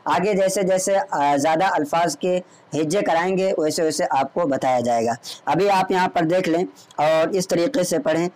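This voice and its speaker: A man's voice: fairly high pitch, normal speed, darkish tone. A man teaching Quran reading online, patiently drilling letter sounds. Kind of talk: online recitation lesson.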